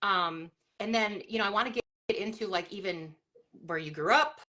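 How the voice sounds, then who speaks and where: A woman's voice: medium pitch, normal speed, sharp tone. A middle-aged woman hosting a live video chat, talking casually and rambling with lots of fillers and restarts. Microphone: video call.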